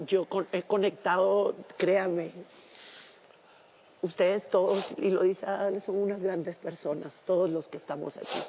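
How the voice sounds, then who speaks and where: A woman from Cuba, a reality show contestant speaking emotionally by a campfire, halting and repeating words, near tears. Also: medium pitch, a little mellow. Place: outdoors at a campfire at night.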